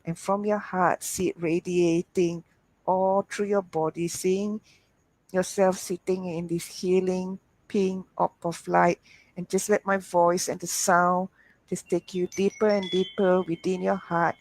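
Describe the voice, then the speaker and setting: A woman giving a softly spoken guided relaxation as a healer, in a soothing, gentle, calming manner. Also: fairly low pitch, low-quality recording. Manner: slow, gentle, calming instruction. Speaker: healer hosting an online healing show.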